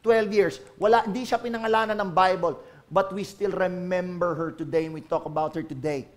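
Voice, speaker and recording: A man with a Filipino accent, a pastor preaching a sermon to a church congregation, swinging from hushed asides to loud, emphatic calls. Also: high-pitched, fairly even intonation, moderate pace. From Philippines.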